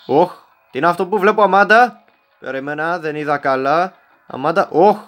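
A young man with a fairly high voice runs a casual let's-play commentary. He jokes constantly and talks straight at the characters on screen. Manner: joking, talks to game characters. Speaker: gameplay commentator.

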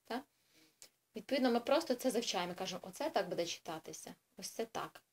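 A woman's voice: medium pitch, expressive, fast. A woman tutoring in a chatty, explanatory way for parents in an informal video lesson, with frequent hesitations and self-corrections. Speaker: English tutor for children.

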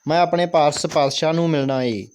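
A man's voice: a little high, a little fast, a little mellow, clear, resonant tone, close to an everyday voice. A man reading the part of an eager, devoted old village woman in a school play, in his own voice. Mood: pleading.

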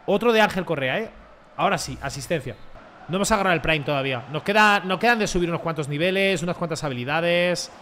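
A young man commenting excitedly on his own football video game match, joking and shouting at big plays. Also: on the high side, fast, a little hiss or hum. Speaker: gaming streamer.

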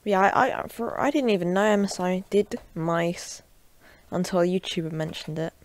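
A woman at her desk at home, casually talking through a product unboxing and gameplay, chatty and offhand, breaking into loud shouts while gaming. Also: lowish voice, normal speed, background noise. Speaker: tech reviewer and gamer.

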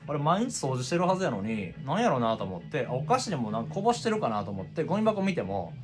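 A man, telling a personal story in a casual, expressive, conversational vlog style. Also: mid-range voice, fast, over music. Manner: expressive, conversational, acts out past reactions. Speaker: video presenter. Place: small indoor room with records and guitars.

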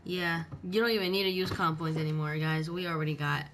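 A man's voice: a little high, fairly even intonation, fairly quick, sharp tone. A male gaming video host giving casual gameplay commentary with slangy, bro-heavy talk. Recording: background game noise.

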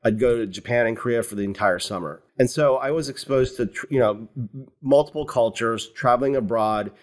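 This is a conversational interview in which a U.S. man in his fifties, who founded a fund, walks through his career path. Speaking at a medium pitch, he stays measured and explanatory, saying "you know" a lot. He's on a webcam video call from a home office lined with wooden cabinets.

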